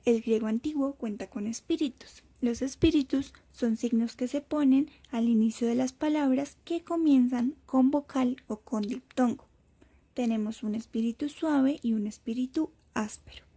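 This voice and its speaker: A woman narrates a prepared lesson at an unhurried, careful pace, spelling out each point for her students. Her voice sits a little high but sounds mellow and soft. A breathy edge runs through it. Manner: slow, careful explanatory delivery. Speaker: teacher.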